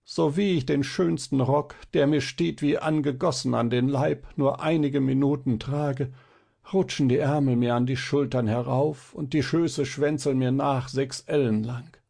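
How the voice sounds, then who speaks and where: A man's voice: mid-range voice, fairly even intonation, unhurried, creaky, mellow. A male reader voicing a despairing young man who speaks in a broken, whining voice in an audiobook. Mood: lamenting. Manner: whiny, broken voice.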